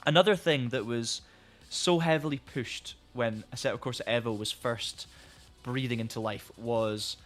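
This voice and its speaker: Male streamer, mid-pitched, casual and rambling, a bit hoarse, faint music bed. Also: normal speed. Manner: rambling, friendly, many restarts. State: losing his voice. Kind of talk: casual live-stream chat.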